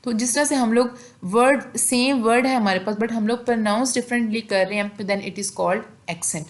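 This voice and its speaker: Woman slowly explaining a linguistics lesson. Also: a little high. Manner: reads English definitions slowly, explains them in Hindi-Urdu. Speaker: teacher. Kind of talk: lecture on linguistics, reading definitions.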